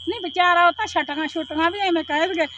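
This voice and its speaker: A woman's voice: very high-pitched, fast talker, highs cut off, over a noisy crowd. A woman acting a poor village woman who pleads and complains in a family drama. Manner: pleading, plaintive.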